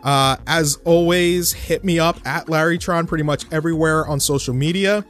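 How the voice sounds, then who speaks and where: A man's voice: fairly high pitch, normal speed, fairly bright tone, faint music behind. A young man hosting a solo podcast, talking in a loose, chatty way with plenty of fillers and restarts. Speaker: podcast host. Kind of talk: casual solo podcast talk.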